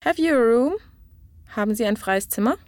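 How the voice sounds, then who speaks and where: Female tutor, clear deliberate delivery, dry close sound, for phrase-lesson reads. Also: on the high side, animated, a little mellow, no room sound. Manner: clear, measured model pronunciation. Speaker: language tutor.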